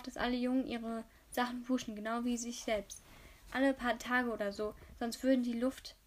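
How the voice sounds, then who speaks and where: A woman with a fairly high voice reads a novel aloud in first person. She narrates steadily, now and then stumbling over a word and restarting, in the manner of an amateur audiobook. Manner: reading aloud with small slips and restarts. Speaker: reader.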